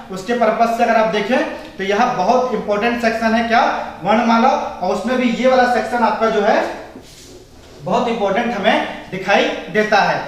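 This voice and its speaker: A man teaching an exam coaching class, who keeps asking questions and answering them himself and calls his students "bhai". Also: very high-pitched. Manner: asks and answers his own questions, repeats key points. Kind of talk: classroom grammar lecture. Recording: very echoey room, voice far from mic.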